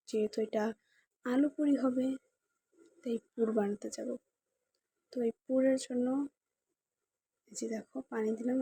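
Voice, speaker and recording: A woman with a fairly high, dark-toned voice and a breathy edge hosts a cooking channel. In a casual voice-over she walks viewers through a recipe step by step, chatty and direct.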